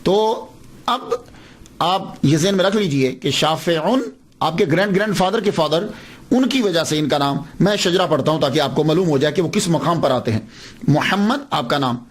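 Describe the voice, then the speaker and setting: A man's voice: fairly high pitch, animated, breathy edge. A man giving a patient, explanatory religious lecture, repeating words to stress how they are said.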